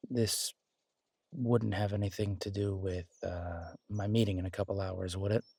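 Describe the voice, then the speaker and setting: Gentle and reassuring, a man voices a loving, easygoing werewolf boyfriend who tinkers with bikes, his low voice creaky, a little mellow and steady in tone. He talks casually and haltingly in an intimate roleplay audio drama recorded without echo.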